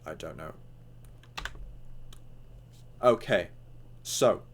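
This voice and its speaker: A man's voice: low-pitched, expressive, drawn-out words. A young man with hiccups giving a casual, rambling online tutorial, full of fillers and acted-out chat lines.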